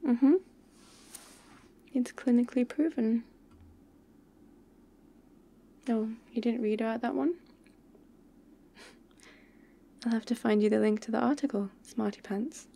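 A woman playing an affectionate, pouty young girlfriend in an intimate, soft ASMR role-play for ASMR. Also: a little high, vocal fry. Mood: teasing, intimate. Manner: intimate soft voice dropping into speaks softly, slow and tender.

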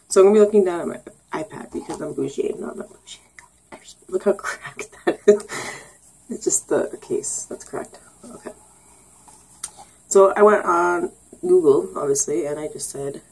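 Young woman vlogger, low mellow husky voice, giggly and rambling, sarcastic. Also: low-quality recording. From Canada. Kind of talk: casual get-to-know-me vlog.

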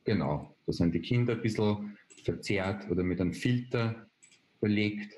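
A man, explaining a software tool step by step on a video call, with frequent hesitation fillers. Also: fairly low pitch, normal speed. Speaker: presenter. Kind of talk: online webinar demonstration. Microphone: video call webcam.

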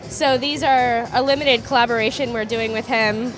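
At a busy indoor trade show booth with loud music behind, a young woman designer from Southern California gives a casual interview into a handheld mic. Her pitch is fairly high and her speed normal, and she's relaxed, filler-heavy and inclined to trail off slightly.

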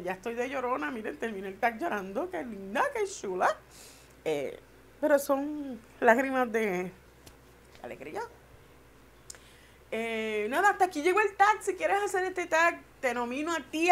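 Playful woman vlogger, high voice. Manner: playful, chatty, joking; tender and sentimental. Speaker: beauty vlogger. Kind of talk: casual tag video chat.

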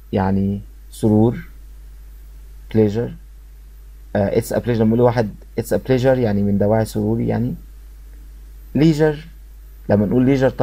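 Speaking to his class in a husky, warm, lowish voice with some vocal fry, this Egyptian Arabic-accented man walks students through an English lesson. Every word gets repeated slowly so they can practice saying it, and he addresses them directly.

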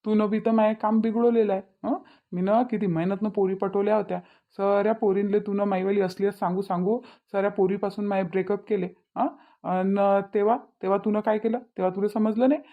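A smug, spiteful young man who gloats over his revenge, speaking in a Vidarbha Marathi accent, voiced by a woman. His voice sits at a middling pitch. The recording sounds slightly dull and lo-fi. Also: little pitch movement, brisk, lightly acted. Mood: gloating. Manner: taunting, smug.

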